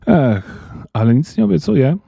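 A man's voice: a little high, sing-song, normal speed, creaky, dark tone, breathy edge, no room sound, studio quality, pitched above the performer's own voice, exaggerated voice. A man voicing a wary, fussy small male Christmas elf who grumbles reluctantly in a storybook reading.

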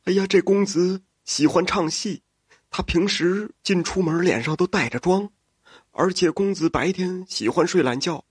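A man voicing an old loyal butler in a folk tale, talking in a low, conspiring way. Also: moderate pace, slightly rough, no room sound, studio quality. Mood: hushed scheming. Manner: hushed, conspiring.

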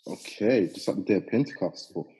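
A husky, mellow young man hosts a casual podcast in a British urban roadman accent. His voice sits fairly low and his talk is slangy and bantering. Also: expressive, a little fast, rough recording. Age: young adult. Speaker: podcast host. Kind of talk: casual group podcast chat.

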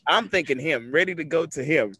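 Animated man telling a funny story. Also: a little high, fairly quick, breathy edge, dry recording. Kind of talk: casual storytelling chat.

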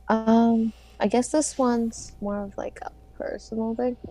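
A young woman co-hosting a podcast, chatting casually and complaining in a relaxed, wry way. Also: fairly high pitch. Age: young adult. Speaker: podcast co-host. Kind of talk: casual chat.

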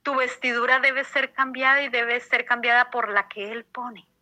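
A woman's voice: on the high side, flat delivery, normal speed, sharp tone, low-quality recording. A woman preaching a sermon to her congregation, emphatic, repeating her phrases and firing questions at the listeners.

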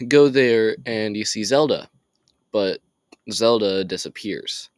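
A man's voice: fairly low pitch, dry recording, studio quality. Teenage boy rambling through a game recap. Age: teens. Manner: rambling, easily sidetracked, apologetic asides.

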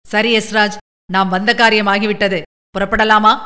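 A woman voicing a smooth-talking male film promoter who speaks persuasively and glibly, in a storybook reading with a long reverb. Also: mid-range voice, flat delivery, sharp tone, lightly acted. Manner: persuasive, glib and quick.

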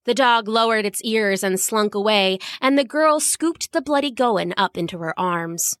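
A woman narrating a children's storybook in an expressive, lively reading. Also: mid-range voice, normal speed, no echo, clean studio sound.

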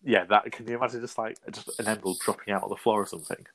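Male co-host, lowish voice, relaxed, matter-of-fact chat. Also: rapid-fire. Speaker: podcast co-host. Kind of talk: casual chat about reality TV.

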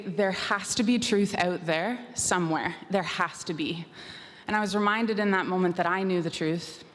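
A young woman from Canada telling her life story as a testimony, earnest with light humor. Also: fairly low pitch. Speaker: missionary speaker. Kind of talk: personal testimony. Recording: echoey hall with faint noise.

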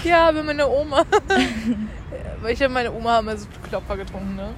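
High, giggly teenage girl. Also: moderate pace, background noise. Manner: giggly, teasing. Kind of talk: casual chat between friends.

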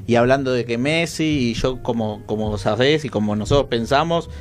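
A man, hosting on the radio in a hesitant, halting way. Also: mid-range voice. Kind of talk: radio debate.

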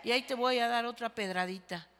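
A woman pastor delivering a sermon, emphatic and rising to shouted exhortations, recorded in a church hall. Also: a little high, quick pace, a little hiss or hum.

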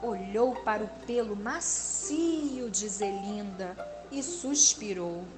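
A woman reading a children's story aloud, slow, expressive and gentle. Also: mid-range voice. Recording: instrumental music behind the voice.

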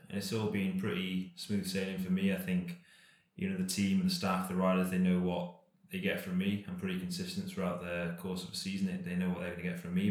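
A man in his thirties, a professional cyclist from Britain, chatting casually in an interview, relaxed and rambling with lots of fillers and restarts. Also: sits low, very echoey.

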